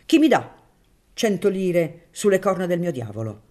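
A woman's voice: sits low, expressive, a little slow, mellow. A woman reading aloud voices a reckless, ruined baron who gambles and mocks his luck in exclamations. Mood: boastful. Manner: exclaiming, mocking, theatrical.

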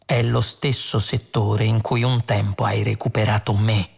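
A man reading an audiobook, voicing a patient, exasperated young woman aboard a starship, with a gravelly voice. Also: mid-range voice, darkish tone, faint music behind. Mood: calm. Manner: patient, deliberate.

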